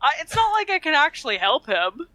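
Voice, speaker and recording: Bright-voiced woman playing a tabletop game. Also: high-pitched, very animated, brisk, no echo. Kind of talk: casual chat during a game.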